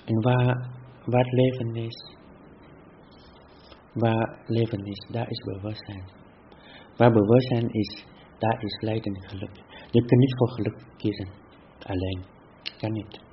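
Male meditation teacher, spiritual talk, halting restarts, lo-fi with light hiss. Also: fairly low pitch, fairly even intonation. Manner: deliberate, repetitive phrasing with halting restarts. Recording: dull lo-fi with faint hiss.

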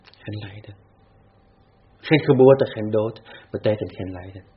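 Husky low-voiced man giving a dharma talk. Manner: slow, repetitive, frequent restarts and fillers. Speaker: Buddhist teacher. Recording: dull lo-fi recording.

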